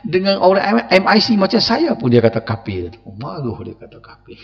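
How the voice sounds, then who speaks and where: A man with a Kelantanese Malay accent delivers an evening religious lecture with a fairly high voice. He talks in a lively way, laughs, acts out the voices he quotes and throws questions to his listeners. The muffled recording carries a long hall reverb. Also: moderate pace. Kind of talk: mosque evening lecture explaining Quran verses.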